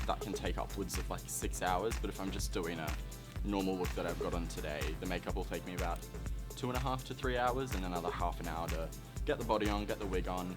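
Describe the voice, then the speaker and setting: A low-pitched Australian man speaks as a campy drag queen with self-mocking flair. He presents himself and his craft to camera, with music clearly playing behind him. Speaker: drag performer. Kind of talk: talking about own craft to camera.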